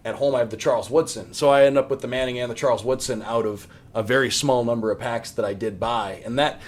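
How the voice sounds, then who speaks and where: An American man in his thirties from the Midwest, who works as a sports radio play-by-play announcer, is a guest on a podcast. His voice is mid-range and quick, and he chats casually and enthusiastically about his hobby.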